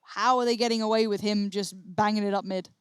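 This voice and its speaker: A woman's voice: medium pitch, fairly quick, clean tone, dry recording. A woman with a British accent, hosting and chatting expressively on an esports broadcast. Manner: expressive, swings to exclamations. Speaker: esports host. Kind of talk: casual broadcast chat.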